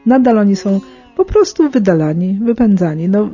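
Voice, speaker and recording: A middle-aged woman speaking unscripted in a radio interview, explaining in a halting way and often correcting herself. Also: medium pitch, very animated, warm tone, husky, lo-fi sound, soft background music. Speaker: interviewed aid worker among lepers in India.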